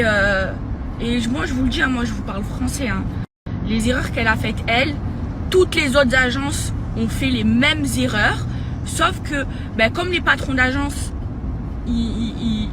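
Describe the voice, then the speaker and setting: Earnest woman speaking over loud road noise. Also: sits high. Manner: earnest, heartfelt, full of restarts. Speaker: influencer posting a story. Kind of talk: emotional social media monologue. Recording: loud traffic noise from a vehicle.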